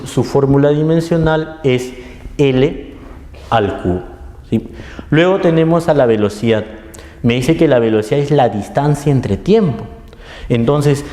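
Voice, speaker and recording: A man's voice: fairly high pitch, dark tone. A man teaching a physics lesson, explaining step by step and often checking in with his listeners. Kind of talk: classroom lecture. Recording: echoey room with long reverb.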